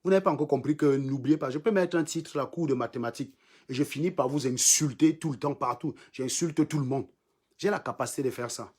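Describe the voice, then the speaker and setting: Man, Cameroonian French accent, livestream host, mocking, combative rant, middle pitch, repeats himself for emphasis. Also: fairly quick, darkish tone, husky. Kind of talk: insulting live-stream rant.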